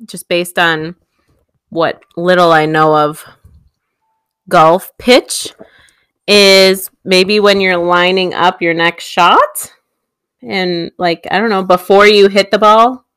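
A woman's voice: fairly low pitch, fairly even intonation, slow, fairly bright tone, clear, resonant tone, no echo. A woman quizzing her partner in a casual chat, swearing and talking with her mouth full. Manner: swearing, eating while talking. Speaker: quiz partner.

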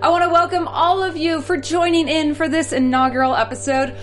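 Excitable, high-voiced woman hosting. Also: a little fast, soft background music. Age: 30s. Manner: excitable, caffeinated, acts out quoted remarks. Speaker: talk show host. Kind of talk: casual, chatty web talk show.

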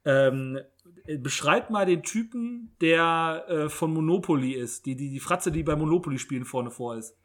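A man's voice: a little high, animated, normal speed, fairly bright tone. A man hosting a casual podcast chat who often restarts and repeats words.

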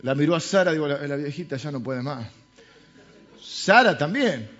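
Rioplatense guy preaching, kinda high voice, jokey, asks the crowd questions, bit dull lo-fi sound. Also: expressive, moderate pace, fairly bright tone. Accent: Rioplatense Spanish. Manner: joking, conversational, with rhetorical questions. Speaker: pastor. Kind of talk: sermon.

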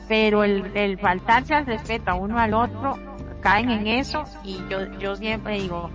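An earnest woman hosts a talk program and walks through relationship troubles point by point, repeating herself for emphasis. Her voice sits at a middle pitch. Music plays clearly behind her throughout. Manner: earnest, lists points in long repetitive runs. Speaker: radio talk show host. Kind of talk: casual advice talk. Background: background music.

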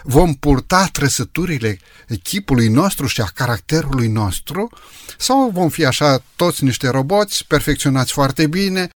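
A male host of a religious talk show, asking his questions in a reflective way and pausing to think. His voice sits in a middle register and is recorded dry and close. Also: mid-range voice, no room sound. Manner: reflective, thinking aloud with pauses. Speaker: interviewer.

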